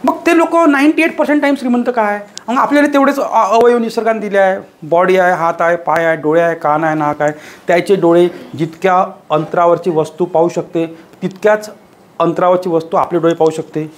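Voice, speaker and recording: A man's voice: sits high, fairly even intonation, brisk. A man giving a motivational lecture to a live audience, firing rhetorical questions and hammering points home through repetition. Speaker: teacher giving a motivational talk.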